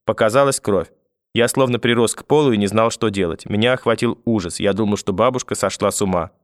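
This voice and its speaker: A man reading a novel aloud in a steady first-person narration. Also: fairly low pitch, fairly quick, no room sound, clean studio sound. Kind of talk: literary audiobook reading.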